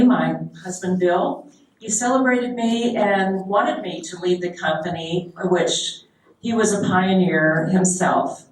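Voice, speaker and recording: An older woman from Texas introducing herself on a panel, warm and a bit rambling. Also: medium pitch, slight background noise. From Texas, USA. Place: large event hall. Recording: echoey hall, distant mic.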